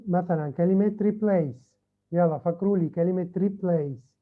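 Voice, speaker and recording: A man teaching an online class, moving between explanations and drawn-out English words he says again and again. His voice sits high, and he takes his time. The sound is thin and tinny, like a phone line. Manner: switches between Arabic and slow, drawn-out English, repeating words to drill them.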